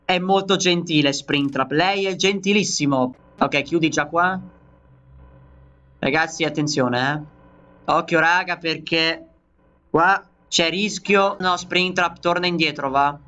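High, bright-voiced excitable man. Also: a little slow, dull audio. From Italy. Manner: excitable, keeps calling out to viewers. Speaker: gaming channel host. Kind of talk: let's play commentary.

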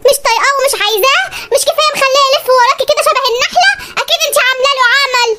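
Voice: very high-pitched, racing, bright, forceful tone, slight background noise, pitched above the performer's own voice. A performer voicing a meddling middle-aged mother of the groom in a comedy cartoon, scolding and gossipy in Egyptian Arabic.

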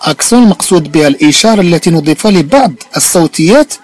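A man with a Moroccan accent teaching a language lesson, reading each phrase slowly and then explaining it and checking that the listener understood. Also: fairly high pitch, animated. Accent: Moroccan Arabic.

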